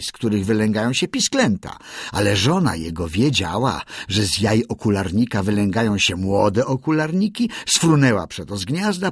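A man narrating an audiobook in an expressive storytelling manner. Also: lowish voice, husky, dry recording, studio quality. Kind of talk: audiobook reading.

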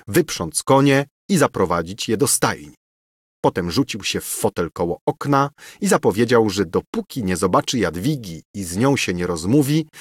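A man reading a classic novel aloud with expressive storytelling. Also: fairly low pitch, breathy edge, no room sound, studio quality. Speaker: narrator. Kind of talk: audiobook narration.

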